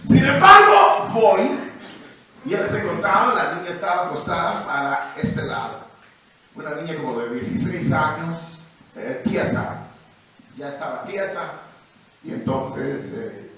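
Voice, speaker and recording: A man's voice: on the high side, very animated, a little slow, far from the mic, a little hiss or hum. Preacher man in echoey church hall. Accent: Peruvian Spanish. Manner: storytelling, swings from quiet asides to shouted declarations. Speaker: pastor. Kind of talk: sermon with testimony.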